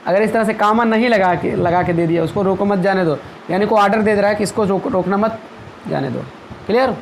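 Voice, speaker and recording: A man with a fairly high voice teaches a grammar lesson. He goes step by step with everyday examples and reads example sentences slowly. There is a faint hum of background noise. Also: poor audio. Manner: checks in with "ठीक है" and "clear".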